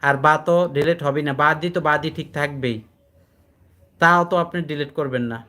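A man speaking teaches a Quran reading class to adult students in a classroom. He explains patiently, repeats himself, checks that they follow, and draws out recited words slowly. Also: on the high side, bright, forceful tone. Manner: patient, repetitive, checks understanding with questions; chants recited words slowly, drawing out syllables. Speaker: addressed as hujur by students.

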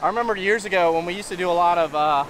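A man in his thirties casually narrating on camera as he fishes from a beach, explaining each step and getting excited when fish bite. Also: high-pitched, rapid-fire, poor audio. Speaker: fishing vlogger. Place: sandy beach outdoors by the surf. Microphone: action camera, head-mounted and handheld. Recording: outdoor beach audio with loud surf and wind. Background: crashing waves and wind.

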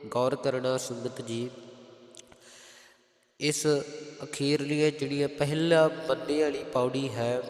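Slow, patient Punjabi male recitation teacher. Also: medium pitch, fairly even intonation. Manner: chants verses slowly, then explains pronunciation. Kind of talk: slow, careful recitation lesson. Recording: roomy, long hall echo.

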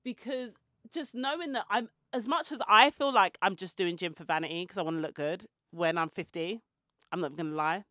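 Her voice fairly low and a bit bright, a woman in her forties hosts a podcast at a moderate pace. She rambles casually into tangents and self-mocking asides, speaking into a handheld mic held close in a small room with shelves and clothes rails. The audio is studio quality with no room sound.

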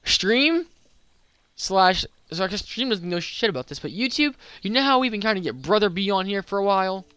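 A young gaming YouTuber and streamer chats casually while playing, stumbling over words, slurring slightly, and speaking with a slight lisp. His voice sits high with lively intonation, normal speed, and a sharp, clear, resonant tone. The recording is dry.

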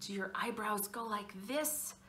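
A woman children's librarian leading a storytime, talking to small children in an animated, expressive way. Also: medium pitch, unhurried, roomy sound, a little hiss or hum.

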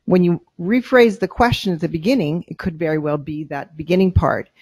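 A woman's voice: lowish voice, darkish tone, husky, dry recording. A woman leading a club meeting in a cafe, calling on members and coaching them on short impromptu speeches. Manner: brisk, coaching, sums up answers. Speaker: meeting leader running table topics. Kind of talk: leading a club speaking exercise.

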